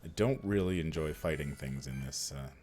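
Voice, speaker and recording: A man's voice: very deep voice, moderate pace. A man casually commentating as he plays a video game. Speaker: gamer.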